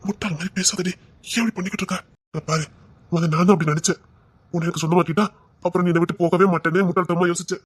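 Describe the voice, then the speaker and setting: A man's voice: sits high, steady tone, very fast, husky, no room sound. A young man acting a devoted lover who soothes and reassures his frightened partner in a romantic drama. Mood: earnest, pleading. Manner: tender, soothing, insistent.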